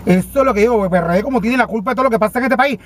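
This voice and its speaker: Rapid-fire and mid-range, close to an everyday voice, a Panamanian-accented comedy vlogger rants as a vain, theatrical TV personality. Stammering and flamboyantly complaining, the indignant character holds forth from inside a parked car in a comedic monologue.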